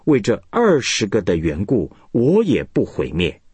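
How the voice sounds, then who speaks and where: God speaks solemnly and with measured weight, as a man reading scripture voices him. The delivery is slow and husky, with a low voice. Its intonation is wide and expressive. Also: no echo, exaggerated voice.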